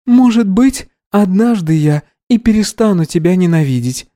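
A man reading an audiobook voices a sharp-tongued young woman who can turn into a panther, curt and defiant. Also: sits high, lively intonation, normal speed, voice pushed up. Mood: teasing.

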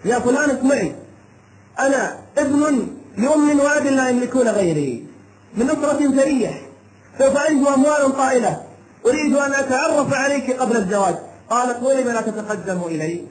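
A man with a very high-pitched voice preaches an impassioned sermon, animated and brisk, telling a cautionary tale in short, emphatic phrases with dramatic repetition. The room sounds echoey, with light background noise.

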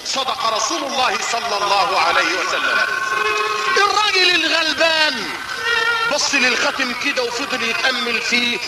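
A man's voice: extremely high pitch, fairly quick, hardly any pauses, very noisy. A man with an Egyptian accent telling a folk tale as an Arabic cafe storyteller, theatrical and half-chanted, addressing his listeners directly. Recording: roomy, distant mic, loud music. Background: loud music.

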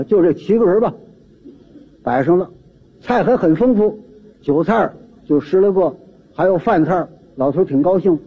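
Husky man on a tinny old recording. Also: high voice. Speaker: comic storyteller. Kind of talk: solo crosstalk storytelling.

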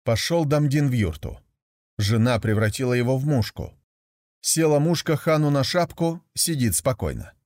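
A man reads a folk tale aloud at a measured pace, with a voice of ordinary pitch. The recording is dry and close. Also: expressive, a little mellow, no echo. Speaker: narrator.

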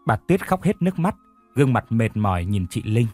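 A man narrating a sad story in the first person in a sorrowful, steady way. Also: medium pitch, brisk, soft background music. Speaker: audiobook narrator.

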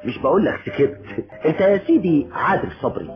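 Nosy joking egyptian friend, bouncy pitch, music under it, old radio sound. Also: male voice, fast talker. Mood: teasing. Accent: Egyptian Arabic. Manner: teasing, laughing, animated. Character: joking nosy male friend, teasing and lively. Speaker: actor in a radio drama. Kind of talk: 1970s Egyptian radio drama acting. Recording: dull lo-fi radio recording with music.

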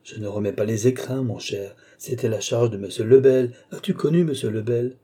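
A man's voice: mid-range voice, moderate pace, mellow, breathy edge, close to an everyday voice. A man voicing an aged, mannered court duke who mocks and lectures in an affected, theatrical way. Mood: sly mocking.

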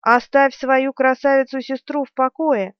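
A woman voicing a fierce young heroine who shouts defiantly, in an audiobook reading. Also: high-pitched, steady tone, unhurried, no echo. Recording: dry, dull lo-fi recording.

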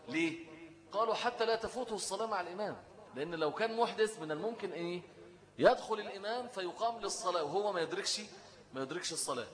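A man's voice: on the high side, fairly bright tone, long reverb tail. Egyptian teacher quizzing his class. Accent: Egyptian Arabic. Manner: asks the class questions and answers them himself. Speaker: religious teacher. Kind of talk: Islamic law lesson.

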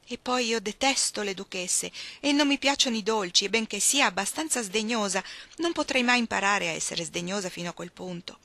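A woman's voice: medium pitch, animated, fairly quick, bright, forceful tone, dry recording. Woman reading as an impassioned young noblewoman. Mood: despairing. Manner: tearful and impassioned. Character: emotional young noblewoman, swinging between despair and rapture.

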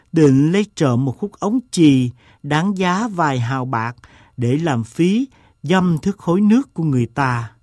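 A man reading a story aloud, voicing an eccentric, self-mocking gentleman who tells a long tale in a slow, deliberate way. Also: mid-range voice, no room sound, clean studio sound, lightly acted.

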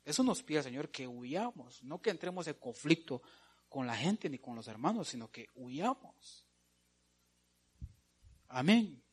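A man preaching a sermon to his congregation, asking them questions and repeating words for stress, going from soft to loud. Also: on the high side, husky. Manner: calls the listeners "hermano" and asks them questions.

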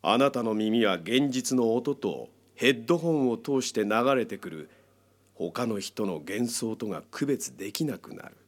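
A mid-range voice with lively intonation belongs to an actor cast as a controlling male psychiatrist in a radio drama. He speaks formally and deliberately, coaxing in a hypnotic, controlled manner.

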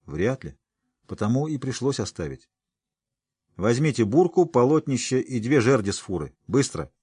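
A man's voice: mid-range voice, very animated, normal speed, darkish tone, slightly rough, no echo, clean studio sound. A man playing a terse, grim middle-aged monster hunter who speaks in clipped orders. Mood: curt grim.

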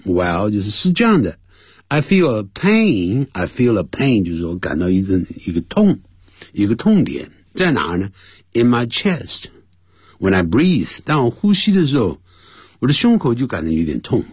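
Husky, lively-voiced male radio English teacher. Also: fairly low pitch, normal speed, dry recording, studio quality. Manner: explains and spells out words letter by letter; switches between English examples and Mandarin explanation.

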